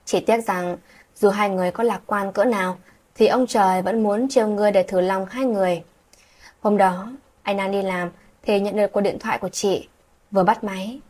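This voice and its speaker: A woman's voice: medium pitch, fairly even intonation, normal speed, a little mellow, slightly rough. A woman telling a late-night story aloud, reading every character's lines herself.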